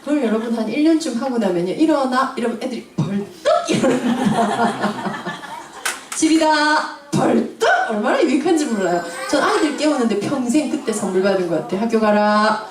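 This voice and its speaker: Lively woman preaching in a roomy hall. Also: on the high side, moderate pace, far from the mic, background noise. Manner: animated, acts out family scenes with audience laughter. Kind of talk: sermon.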